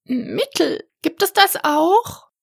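A woman voicing a timid, sniffling little male dragon with a high, fearful voice in a storybook reading. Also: animated, takes it slowly, vocal fry, no room sound, clean studio sound, exaggerated voice.

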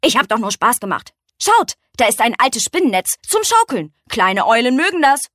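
A woman's voice: on the high side, sing-song, moderate pace, a bit bright, no room sound, clean studio sound, voice pushed up. A woman playing a strict old stag beetle. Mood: sheepish. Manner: stern, scolding. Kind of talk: storybook character voice.

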